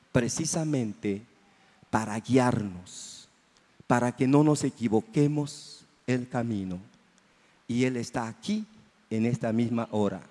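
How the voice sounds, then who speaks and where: A man's voice: mid-range voice, dark tone. A man preaching a fervent sermon as pastor, calling out to the congregation for amens. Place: church. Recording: reverberant church hall.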